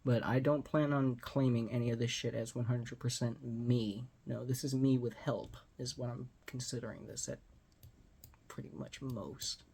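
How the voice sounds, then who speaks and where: With a warm, medium-pitched voice carrying vocal fry and a breathy edge, a Texan vlogger in his forties talks at a normal speed in a steady tone. He addresses a close phone or webcam in a small room at home, rambling, self-deprecating, and at moments sinking almost to a whisper.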